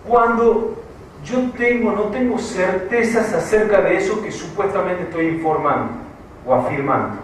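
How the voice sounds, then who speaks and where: A man's voice: high-pitched, slight background noise. A man with an Argentine Spanish accent teaching a writing class. He explains step by step, repeats his points and keeps checking that students follow. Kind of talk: classroom lecture. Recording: far-off echoey classroom recording.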